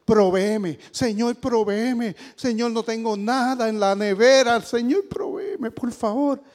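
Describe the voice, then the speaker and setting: A man's voice: steady tone, a little slow, a little mellow, in a large hall. Preacher doing a pleading poor old woman. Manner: pleading, then high and grateful. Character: poor older woman praying for food.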